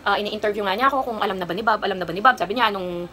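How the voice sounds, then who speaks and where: A woman's voice: mid-range voice, rapid-fire, bright, forceful tone, poor audio. A young woman in her twenties with a Kapampangan accent, chatting casually in a haul vlog as she tells a personal story, rambling along with lots of fillers. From Philippines. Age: 20s. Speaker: vlogger.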